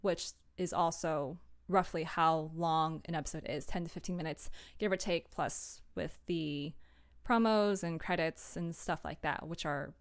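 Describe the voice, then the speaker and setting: A young woman, a streamer and audio drama creator, gives tips on a livestream from a small indoor room at home. She speaks low and unhurried, chatting casually with a giggly, self-deprecating, informal manner.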